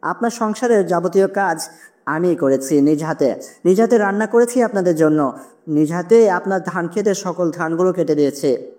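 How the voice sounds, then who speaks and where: Narrator plays a gentle fairy bride-to-be in a storybook horror tale, soft and calm. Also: mid-range voice, moderate pace, pitched below the performer's own voice, close to an everyday voice. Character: gentle young female fairy.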